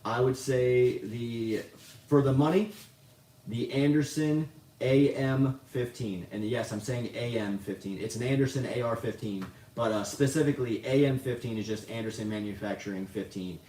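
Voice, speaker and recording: A man's voice: mid-range voice, moderate pace, warm tone. Laid-back, rambling man in a roomy space. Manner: rambling, profane, self-mocking. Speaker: livestream host answering chat. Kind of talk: casual livestream chat. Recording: roomy, distant mic, faint noise.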